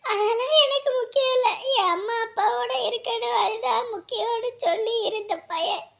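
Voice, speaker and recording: A woman plays a distraught middle-aged mother in a TV drama who wails and pleads through her tears. Her voice sits very high and thin. Each line comes out as sobbing lament. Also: normal speed, creaky, fairly bright tone, full character voice. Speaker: grieving mother. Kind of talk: Tamil TV drama acting.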